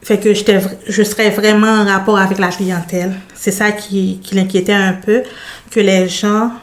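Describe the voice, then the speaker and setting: A woman's voice: medium pitch, level tone, normal speed. A woman from Haiti whose first language is Haitian Creole, speaking French with a Haitian accent mixed with Beauce Québécois features, answering interview questions in plain, short phrases. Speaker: interview guest. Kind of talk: conversational interview.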